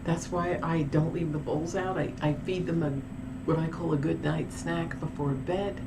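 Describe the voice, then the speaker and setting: A woman's voice: sits low, fairly even intonation, normal speed, noisy background. A woman telling a paranormal story in a casual, rambling vlog with many restarts and asides. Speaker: paranormal vlogger.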